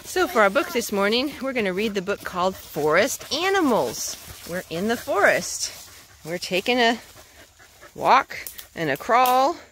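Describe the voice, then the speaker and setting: Out in a forest, a mother reads a picture book and chats with her young child in a sing-song, child-directed way. Her voice is fairly high and fairly bright, very animated yet unhurried. She holds the camera herself, and the outdoor recording is clearly noisy.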